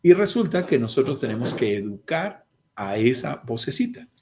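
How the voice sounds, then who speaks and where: A man giving a lively motivational talk to a group, often acting out little quoted voices. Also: mid-range voice, normal speed, a little hiss or hum. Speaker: guest speaker. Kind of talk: motivational talk on a video call.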